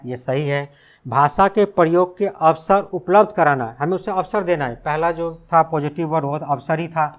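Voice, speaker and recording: A man teaching an exam-prep class, talking in a fairly high voice. He walks through each answer option step by step, asks rhetorical questions and repeats the key phrases.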